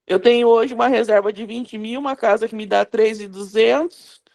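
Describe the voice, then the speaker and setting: A Brazilian woman in her fifties, a class participant, telling a personal story in a rambling, self-correcting way over a video call. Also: fairly high pitch. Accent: Brazilian Portuguese. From São Paulo, Brazil. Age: 50s.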